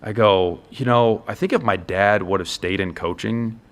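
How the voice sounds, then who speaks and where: A man with a lowish voice speaks at a moderate pace. He is an American college football head coach giving a conversational interview, earnestly and emphatically going through his points one by one.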